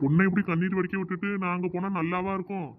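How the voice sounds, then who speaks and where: A man's voice: high-pitched, level tone, very fast, natural voice. A man voicing a placating village brother. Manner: pleading, placating. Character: soft-hearted middle-aged village man, the brother. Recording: tinny phone-like audio with faint noise.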